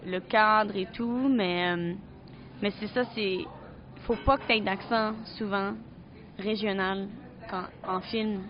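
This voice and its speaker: A woman's voice: mid-range voice, lo-fi sound, a little hiss or hum. A woman from Quebec City with a Québécois accent, an actress answering interview questions in a chatty way, with many fillers and restarts. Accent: Québécois French. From Quebec City, Canada.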